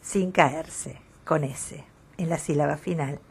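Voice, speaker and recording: Woman hosting a radio talk, lowish voice. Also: steady tone, darkish tone, slightly rough. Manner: didactic, measured, poetic at times. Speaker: radio host. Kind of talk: scripted radio reflection on language.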